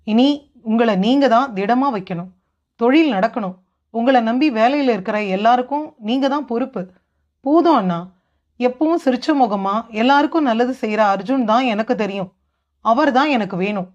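A woman's voice: fairly high pitch, a little mellow, highs cut off, lightly acted. A woman voicing an earnest younger brother who urges his grieving older sibling, read in an audiobook. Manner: urgent, coaxing.

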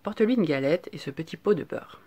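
A caring fairy-tale mother, read by the narrator in nearly their own voice. She gives plain, gentle instructions. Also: mid-range voice, lively intonation, fast talker, husky. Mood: instructing. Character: caring mother sending her daughter off.

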